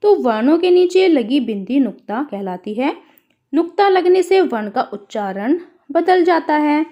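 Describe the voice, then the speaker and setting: A woman's voice: high voice, lively intonation, measured pace, highs cut off. A woman teacher explaining a worksheet to children, spelling words out syllable by syllable and calling her pupils "beta".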